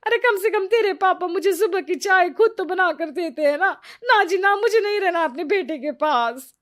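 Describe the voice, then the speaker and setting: A woman's voice: high-pitched, sing-song, slow pace, a bit bright, full character voice. A woman voicing a lazy, scheming middle-aged mother-in-law in a cartoon story, making sly excuses. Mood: huffy. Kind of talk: cartoon voice acting.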